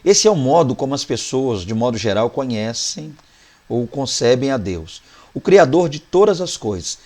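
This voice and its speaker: A man's voice: mid-range voice, sing-song, moderate pace, a little mellow. A man with a Brazilian Portuguese accent teaching a Bible study lesson, explaining Hebrew words one by one and checking in often with his listeners. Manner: talks to the class directly with "né" and "tá".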